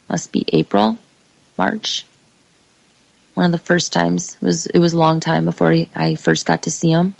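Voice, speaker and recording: A woman's voice: lowish voice, creaky, a little mellow, no room sound, low-quality recording. A woman telling her own story in an urgent, emphatic monologue, speaking straight to her listeners. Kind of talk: personal testimony monologue.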